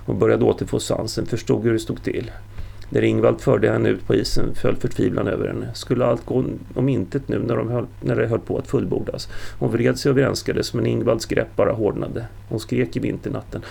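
A man's voice: medium pitch, flat delivery, creaky, dark tone, slightly rough. A man narrating a Viking tale as an audiobook reader, telling it steadily.

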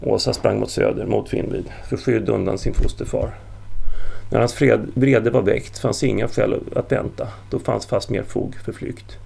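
A man's voice: fairly low pitch, fairly even intonation, gravelly, mellow, breathy edge. A man narrating a Viking tale as an audiobook reader, telling it steadily.

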